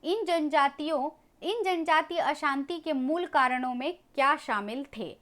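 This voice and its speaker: A woman teaching a history lesson, briskly working through exam questions and talking to viewers as friends. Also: sits high, fairly bright tone. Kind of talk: exam MCQ walkthrough lesson.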